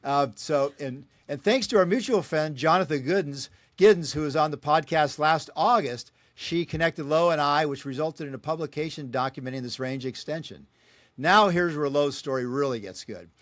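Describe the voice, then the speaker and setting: A podcast host reads his guest's introduction, joking about names he can't pronounce and chuckling at his own asides, before moving into a casual interview. His fairly high, slightly bright voice comes at normal speed, captured in a dry, clean studio recording.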